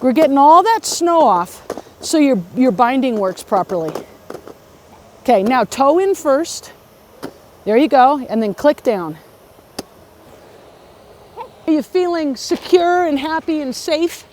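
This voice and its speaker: Her voice sits high and expressive as she gives a beginner ski lesson outside, speaking a little slowly. She instructs step by step, encourages, and keeps asking brief checks like "okay" and "right"; faint outdoor noise is audible.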